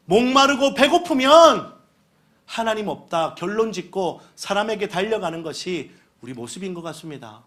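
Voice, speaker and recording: A fairly high-pitched man preaches with animated energy. He drops to quiet asides and then rises to loud exclamations, acting out the people he quotes. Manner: animated preaching, dramatic shifts in volume, acts out quoted voices. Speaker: pastor. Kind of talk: sermon.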